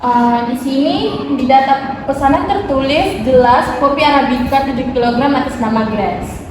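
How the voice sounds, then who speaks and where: A woman's voice: high-pitched, moderate pace, close to an everyday voice. Young woman acting a sales staffer, very echoey. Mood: matter-of-fact, helpful. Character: helpful, matter-of-fact female sales staffer. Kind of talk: amateur business role-play. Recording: very echoey room, distant mic, noisy.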